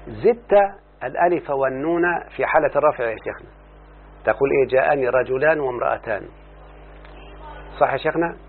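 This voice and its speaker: A man with an Egyptian Arabic accent teaching a grammar lesson, speaking slowly and deliberately and quizzing his student as he goes. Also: mid-range voice, husky. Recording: tinny phone-like, faint hum.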